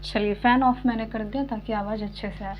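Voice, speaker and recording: A woman's voice: medium pitch, steady tone. Woman teaching English verbs, dull lo-fi sound. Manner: explains slowly with repeated examples. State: coughing now and then. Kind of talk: spoken English lesson. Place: home room with fan switched off. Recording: dull lo-fi recording with faint hum.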